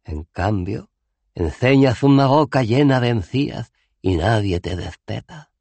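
A man voicing a gruff, weary old barbarian hero who has no teeth, in an audiobook. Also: medium pitch, lively intonation, unhurried, a little mellow, dry recording, voice pushed up. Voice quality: toothless, mumbling. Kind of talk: audiobook character voice.

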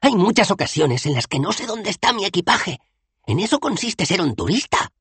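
A man doing a calm, good-natured tourist. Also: high voice, moderate pace, slightly rough, dry recording, pitched above the performer's own voice, heavily acted. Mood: reassuring. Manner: soothing, light and reassuring.

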